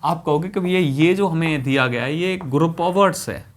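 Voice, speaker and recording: A man teaching an English grammar lesson to students, asking questions and answering them himself, often repeating key points and stretching words out as he writes. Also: fairly high pitch. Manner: repeats key points, drawn-out words while writing on the board. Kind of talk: classroom-style grammar lesson.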